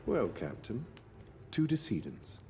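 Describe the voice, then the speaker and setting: An actor playing a businesslike investigator in an anime dub, giving measured, matter-of-fact reports. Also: male voice, on the low side, very animated, warm tone, husky, heavily acted. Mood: sober, businesslike. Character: sober, businesslike investigator reporting to his captain.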